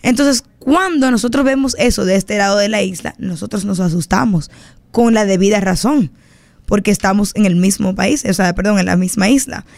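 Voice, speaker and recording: A Dominican woman politician, a guest on a radio talk show, speaking in a lively way and repeating herself for emphasis. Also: medium pitch, normal speed, creaky, no echo. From Dominican Republic. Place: radio studio booth.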